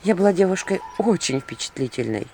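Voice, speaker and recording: Expressive woman reading a story. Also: on the low side, fairly quick, noisy background. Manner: expressive, wry first-person narration. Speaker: narrator.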